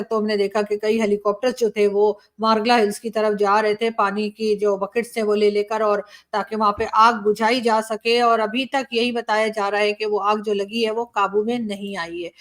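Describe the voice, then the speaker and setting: Opinionated Pakistani woman commentator, high voice. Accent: Pakistani Urdu. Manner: opinionated, conversational, with frequent fillers. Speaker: journalist and commentator. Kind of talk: casual news commentary monologue.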